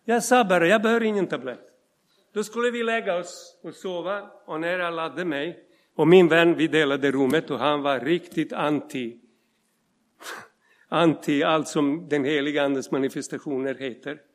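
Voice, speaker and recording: Middle-aged male preacher, fairly high voice, lively storytelling sermon delivery. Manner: storytelling, animated, addresses listeners directly. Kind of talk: sermon with personal testimony.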